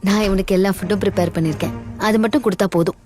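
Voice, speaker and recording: A woman's voice: medium pitch, steady tone, a little mellow, soft background music. A woman in a comedy skit who talks in a fussy, scolding, nagging way. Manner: fussy and scolding, quick to nag. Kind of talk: casual comic skit dialogue.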